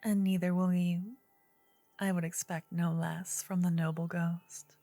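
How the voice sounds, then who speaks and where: A woman playing a gentle, earnest druid in an ASMR role-play, her soft female voice slipping between breathy soft voice and low murmur. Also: little pitch movement, no room sound. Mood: wistful, earnest. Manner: slow, gentle, intimate female voice with pauses. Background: soft medieval ambience and music.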